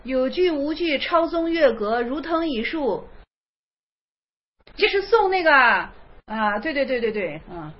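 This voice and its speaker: A woman's voice: high voice, sing-song, unhurried. A woman teaching Chan koans in an online class, speaking colloquially, repeating phrases and acting out the dialogue. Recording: dull lo-fi recording.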